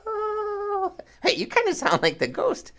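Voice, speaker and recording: A woman hosting a playful, interactive children's show, talking in an animated, giggly, sing-song way. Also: mid-range voice, a little slow.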